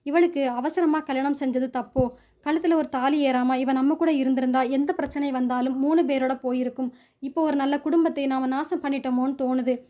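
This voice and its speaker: A woman's voice: high-pitched, fairly even intonation, normal speed, dull audio, close to an everyday voice. A woman reading a short story aloud, voicing an anxious middle-aged mother who frets and pleads about her daughter's future. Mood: fretful. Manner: fretful, pleading.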